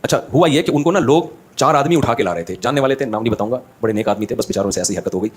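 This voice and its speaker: An Islamic scholar with a husky, mid-range voice tells funny stories quickly during a religious talk. He is animated, slipping into the voices of the people in his anecdotes as he goes.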